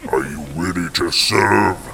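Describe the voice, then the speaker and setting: An actor voicing a menacing gorilla overlord who speaks slowly and imperiously, with a gravelly voice. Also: male voice, low-pitched, background noise. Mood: commanding. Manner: imperious, slow, contemptuous.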